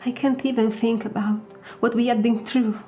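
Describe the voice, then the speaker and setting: An actress in her forties playing a grieving sister and widow in a horror film, talking in a weary, quiet voice that often drops to a half-whisper. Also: on the high side, little pitch movement, normal speed, soft background music, close to an everyday voice. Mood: sombre. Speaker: film character, older sister. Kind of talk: film acting.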